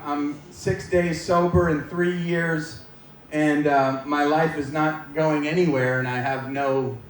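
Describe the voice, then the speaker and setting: This higher-voiced American guest speaker, in his forties and from Maine, preaches his personal testimony at church to a live audience. He is informal, self-deprecating and joking. A distant mic picks him up in a large, echoey indoor room, with faint background noise.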